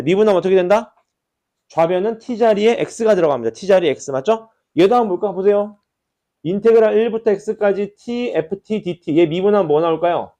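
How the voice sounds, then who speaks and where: High-pitched man teaching math, mellow tone. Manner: checks in with frequent rhetorical questions; repeats key words for emphasis. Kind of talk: classroom math lecture. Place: classroom at a whiteboard.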